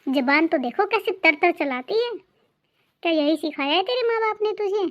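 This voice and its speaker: A nagging, greedy mother-in-law from a cartoon family drama, voiced by a woman, with a very high, thin voice. She scolds and jabs with sarcasm. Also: lively intonation, normal speed, dull audio. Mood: scolding.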